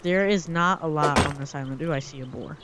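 A man's voice: a little high, a little fast, very noisy. A man chatting with friends while gaming, easygoing and agreeable. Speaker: teammate in game. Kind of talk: casual gaming chat.

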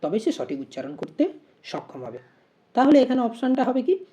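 Woman teacher, warm and mellow tone, methodical explainer who asks rhetorical questions before each answer. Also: on the high side, sing-song, normal speed, lo-fi sound. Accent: Bengali. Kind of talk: exam-prep lesson.

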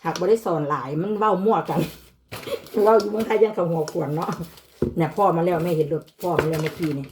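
A woman with an Isan accent chats casually while cooking at home, switching between Isan and Thai. Her voice sits a little low. Faint clinks of dishes and cutlery sound behind her. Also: fast, noisy background. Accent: Isan (Northeastern Thai). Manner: chatty, mixes Isan and Thai. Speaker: vlogger mother. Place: home kitchen.

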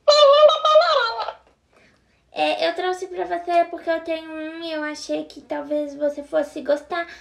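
Brief: woman playing a spoiled whiny little girl, slow taunting drawl, bright tone. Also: high-pitched, vocal fry, heavily acted. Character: bratty spoiled little girl, rude and defiant. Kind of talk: comedy sketch role-play.

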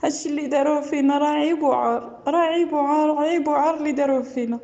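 A woman's voice: high-pitched, fairly even intonation, rapid-fire, warm tone. A Moroccan woman calling in over a landline phone, tearful and pleading, who repeats her phrases and breaks off her words. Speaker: caller. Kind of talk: emotional call-in complaint. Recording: dull lo-fi phone line.

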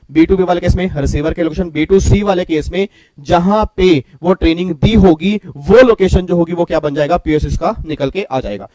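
A man teaching a fast-paced exam revision lecture, rattling off rules in quick repetitive drills and calling out to students directly. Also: on the high side, mellow, no room sound, poor audio. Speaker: tax law lecturer.

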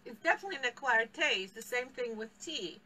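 Captured by a far-off camera across the table, with a little hiss or hum, a middle-aged Polish-accented woman leads a live tea tasting in a tea shop. She explains things and laughs a lot, her fairly high voice animated, pushed and bright, moving fairly quickly.

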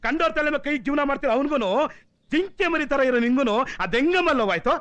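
An actor playing a loud, boastful neighbourhood tough guy who threatens and shouts. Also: very high-pitched, animated, fast. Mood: blustering. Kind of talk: film dialogue.

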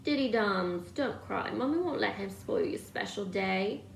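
A snappish, fussy aunt, as a woman reading aloud puts her on, with a gravelly edge to her voice. She speaks sharply in an echoey room, with faint noise behind. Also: mid-range voice, animated, a little slow. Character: sharp fussy woman, a boy's doting mother.

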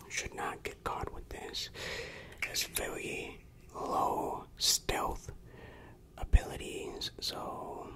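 Whispering breathily, the ASMR performer takes on the part of a pushy, secretive dealer working underground. Everything comes slowly and softly, with certain phrases said again and again.

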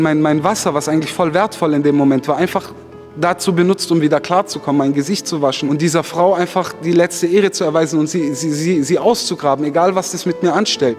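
Man guest, slightly higher voice, earnest storyteller with restarts; reverberant room, faint music underneath. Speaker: interview guest. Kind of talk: recounting a personal story.

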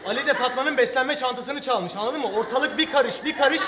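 Fast-talking man in echoey sketch comedy. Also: extremely high pitch, a crowd in the background. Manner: fast, rambling, exaggerated excuses. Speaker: comedy sketch actor playing a boyfriend. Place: television studio stage with live audience. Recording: echoey stage with audience noise.

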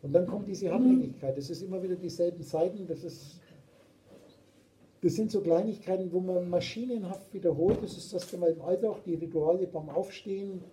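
A man's voice: high-pitched, fairly quick, dark tone, a little hiss or hum, poor audio. A man with a German accent giving an emphatic, preachy spiritual talk, repeating his points. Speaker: spiritual teacher. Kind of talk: philosophical talk.

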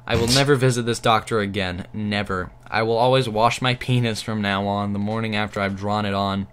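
A man's voice: lowish voice, steady tone, brisk, fairly bright tone, slight background noise. Man reading stories aloud, giggly. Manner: cracks up laughing mid-read. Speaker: gaming video host. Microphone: headset.

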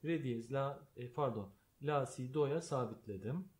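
A man giving a slow, patient piano lesson, calling out note names as he plays. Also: mid-range voice. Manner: calls out note names while playing, explains patiently. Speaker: piano teacher. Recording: piano music under the voice. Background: piano playing.

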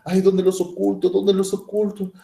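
A man's voice: high-pitched, level tone, normal speed, vocal fry, warm tone, echoey room, pitched above the performer's own voice. A man voicing an anxious, whiny female pinworm. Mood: panicky. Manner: whiny, panicky, sighing "ay".

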